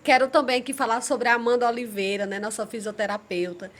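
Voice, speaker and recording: A woman hosts a podcast in a slightly high voice. She reacts to her guest with short exclamations and then turns to the audience with an upbeat wrap-up. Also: level tone, quick pace. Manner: warm interjections, upbeat sign-off to viewers. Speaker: podcast host. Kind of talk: casual podcast hosting.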